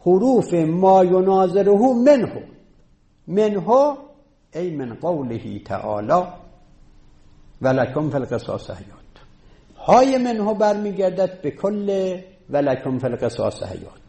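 The speaker is a man lecturing a class on Arabic rhetoric, taking student questions while explaining things step by step and counting items aloud. His fairly high voice is creaky and dark in tone, with big pitch swings.

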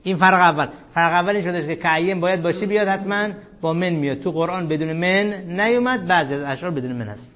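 A man teaching Arabic grammar in a classroom lecture, quizzing his students and chanting Arabic text slowly. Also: sits high. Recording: dull lo-fi classroom recording.

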